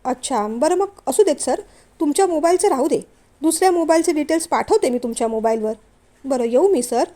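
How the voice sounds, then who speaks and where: A woman's voice: high voice, animated, fairly quick, warm tone. A woman voicing a frank, bold young female employee in a storybook reading.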